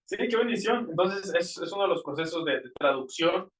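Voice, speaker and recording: A man's voice: high-pitched, lively intonation, a little fast, a bit bright. A man explaining Bible translation in a church question session, earnest and explanatory, often restarting his sentences. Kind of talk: church Q&A talk. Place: church sanctuary. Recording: roomy church hall from far off.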